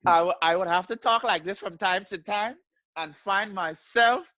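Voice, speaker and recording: A man's voice: moderate pace, bright, forceful tone, no room sound. A man voicing a chatty Guyanese customer with a Guyanese accent, ordering food with relish. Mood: playful. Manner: high, sing-song, ordering food with relish.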